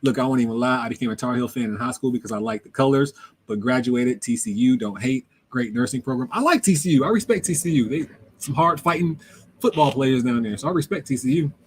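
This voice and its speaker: A young man hosting a casual live Q&A, reading viewer comments aloud and answering them in a relaxed, slangy way, laughing often. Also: mid-range voice, quick pace, a little hiss or hum. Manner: relaxed, conversational, drops words into everyday slang. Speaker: livestream host reading chat.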